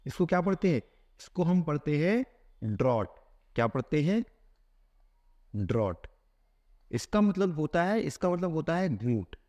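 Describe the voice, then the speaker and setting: A man's voice: on the high side, expressive, darkish tone. Man teaching exam vocabulary, question and answer. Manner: asks a question, then answers it with a repeated keyword; reads English statements slowly, word by word. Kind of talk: explaining a vocabulary lesson.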